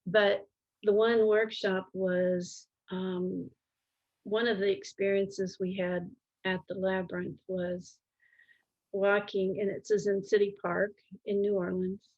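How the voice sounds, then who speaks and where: Calm, gentle woman, slow and creaky. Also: mid-range voice, muffled recording. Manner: halting, searching for words with long pauses. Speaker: interview guest. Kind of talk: reflective interview conversation.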